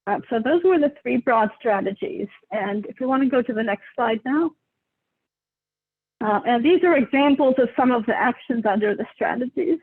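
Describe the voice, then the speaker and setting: Muffled, husky voice behind a mask. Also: mid-range voice, normal speed. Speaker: committee representative. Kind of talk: committee presentation. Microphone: speaking through a face mask. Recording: muffled, roomy, phone-like band-limited audio.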